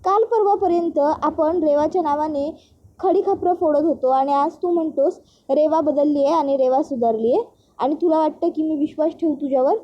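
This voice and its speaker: A woman's voice: high voice, normal speed, lo-fi sound, natural voice. A woman voicing an agitated young husband in a spoken serial recap, with an urgent, questioning manner. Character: agitated young husband pressing his brother for answers.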